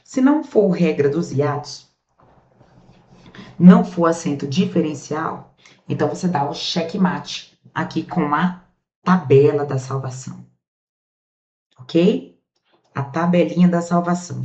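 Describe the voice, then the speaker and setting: A Brazilian woman teaching a grammar lesson in a chatty, lively way, drawing out the words she stresses. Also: low voice, slow, long pauses. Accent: Brazilian Portuguese. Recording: muffled, echoey room.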